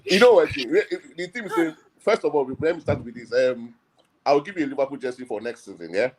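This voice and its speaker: A man's voice: medium pitch, expressive, a little fast. A man with a Nigerian accent calling a football show, telling jokey stories in an exuberant, teasing way. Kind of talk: casual jokey storytelling. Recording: clearly noisy line.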